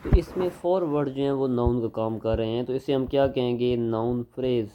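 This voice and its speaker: A man teaching English grammar in a lecture, explaining in Hindi mixed with English and reading example sentences slowly. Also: medium pitch. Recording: dull lo-fi recording with faint noise.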